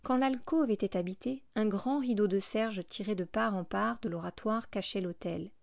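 A woman narrates a classic novel as an audiobook in a steady, measured reading voice. Her pitch sits in an ordinary middle range. The recording is dry and close, with no room echo. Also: vocal fry.

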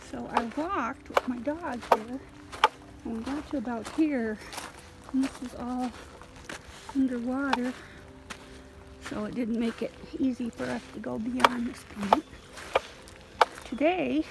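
Very noisy audio carries a woman's high-pitched voice as she rockhounds on a lakeshore beach. Holding her phone, she muses aloud to her vlog viewers in casual narration.

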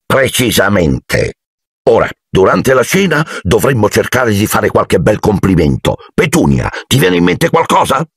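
Brief: a man playing a self-important uncle, sour, raised pitch, gravelly, lively. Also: measured pace, no room sound, studio quality, full character voice. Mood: pompous. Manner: pompous, sour. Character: pompous blustering middle-aged uncle.

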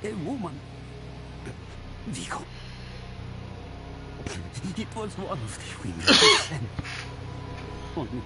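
Dying game soldier, cowering plea, broken halting voice that jumps all over, loud music under it. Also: male voice, a little high, full character voice. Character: terrified dying soldier, survivor of a demon attack. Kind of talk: dramatic video game acting.

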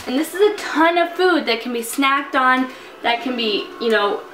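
A woman's voice: high voice, normal speed. A young woman vlogger chatting casually and animatedly through a grocery haul in her home kitchen. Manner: chatty and animated, holding up items. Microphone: camera mic from a few feet away. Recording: echoey room, distant mic, noisy.

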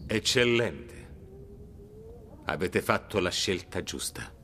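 A man playing a sinister, courteous stranger with measured, unnerving calm in a dubbed film drama. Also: low voice, a little hiss or hum, full character voice. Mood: coolly satisfied.

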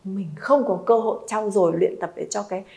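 A woman's voice: mid-range voice, fairly quick, gravelly, warm tone. A woman, teaching a beginner Chinese lesson and coaxing students to repeat aloud.

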